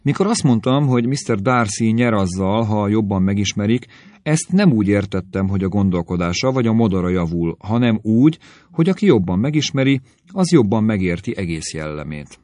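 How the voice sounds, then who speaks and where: Brief: man reading as a calm, frank young lady, measured delivery, lively pitch, dry close sound. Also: no room sound, natural voice. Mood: firm. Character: poised, witty young woman, calm and frank.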